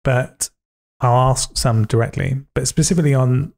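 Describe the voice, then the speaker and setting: A man's voice: mid-range voice, fairly even intonation, moderate pace, vocal fry, darkish tone. A young man hosting a podcast interview, rambling, joking and cutting himself off mid-sentence. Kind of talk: casual conversational interview.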